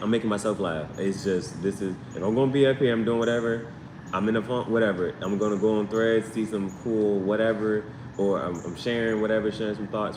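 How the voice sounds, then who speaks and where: On a casual live stream, a male tarot reader rambles along, circling back to repeat himself and drifting into slangy side comments. The audio is picked up from afar in a roomy space, with a noisy backdrop of rumbling vehicles.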